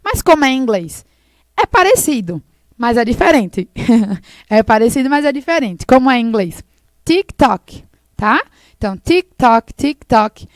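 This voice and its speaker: A woman English teacher explaining slowly and patiently, repeating words for her students in a recorded lesson. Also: fairly high pitch, sing-song, dry recording.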